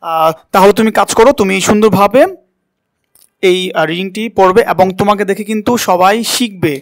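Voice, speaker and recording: A man's voice: sits high, steady tone, brisk. A man teaching a spoken English class, asking a student to repeat words and correcting how they are said. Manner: coaching pronunciation, asks and repeats words.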